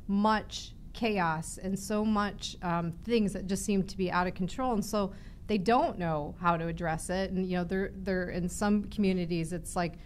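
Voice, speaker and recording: A woman's voice: lowish voice, normal speed, slight background noise. A woman hosting a podcast interview, talking earnestly and thinking aloud with restarts and fillers. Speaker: podcast host. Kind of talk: conversational interview.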